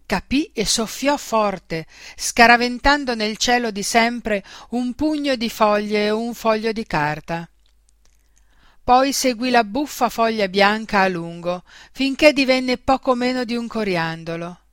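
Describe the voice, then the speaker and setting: A woman reads a children's storybook aloud, gentle and expressive. She takes her time, letting each line land. The recording is dry and close, with no room sound. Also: fairly high pitch, measured pace, smooth, no echo. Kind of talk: scripted storybook reading.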